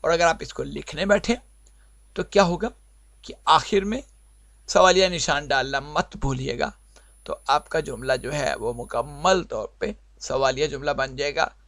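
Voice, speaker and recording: A man's voice: fairly high pitch, unhurried, gravelly, a bit bright, dry recording. A man teaching a spoken English lesson, explaining patiently and answering his own questions. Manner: explains patiently, repeating points and asking himself questions.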